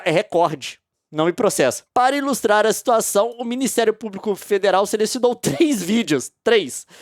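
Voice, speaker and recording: A woman with a Brazilian accent hosting a casual commentary, reading a news story aloud and mocking it with heavy, repeated emphasis and sudden loud outbursts. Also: mid-range voice, no echo, studio quality. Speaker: host.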